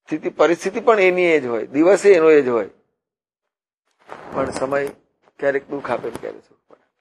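Gravelly-voiced man preaching a sermon. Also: on the high side, a little hiss or hum. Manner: slow, repetitive teaching with frequent rhetorical questions. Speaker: religious preacher. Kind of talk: devotional sermon with parables.

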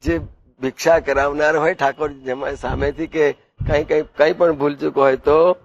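This devotional preacher speaks at a moderate pace in a creaky voice on the high side, with fairly even intonation and dull audio. His talk blends storytelling with questions put directly to the listeners.

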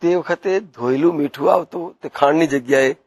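A man's voice: a little high, normal speed, a little mellow, breathy edge, no echo. A man giving a devotional sermon, telling stories and asking his listeners questions. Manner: storytelling, asks the listeners questions. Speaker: devotional preacher. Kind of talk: devotional discourse with storytelling.

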